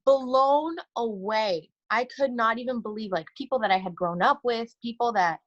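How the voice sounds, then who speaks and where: A woman in her early twenties from the United States, a guest on a talk show, speaking passionately and deliberately. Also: fairly high pitch, muffled recording. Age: 20s. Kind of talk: earnest interview talk.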